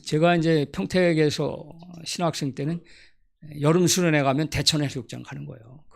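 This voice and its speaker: A middle-aged male pastor delivering a Sunday sermon, his voice gravelly with a slightly high pitch. He tells folksy, humorous stories and slips into acted-out quotes from the countryside. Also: steady tone, moderate pace. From Gyeonggi Province, South Korea.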